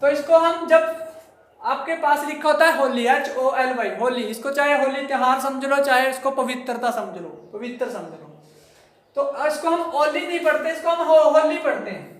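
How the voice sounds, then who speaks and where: A man teaching English grammar to students, repeating words slowly and speaking to the class directly. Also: extremely high pitch, fairly bright tone. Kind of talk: classroom lesson explaining to students. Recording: very echoey room.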